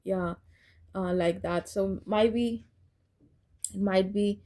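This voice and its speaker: A woman talks through a tarot reading in a casual, meandering way. Her voice is mellow and warm at a middle pitch. She often restarts her sentences and laughs off her own slips. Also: fairly even intonation, slow pace. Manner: rambling, self-correcting, laughs at herself. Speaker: tarot reader.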